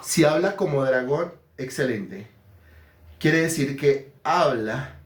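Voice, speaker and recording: A man's voice: medium pitch, expressive, takes it slowly, reverberant. A man preaching an interactive sermon, asking questions and praising the answers. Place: church hall.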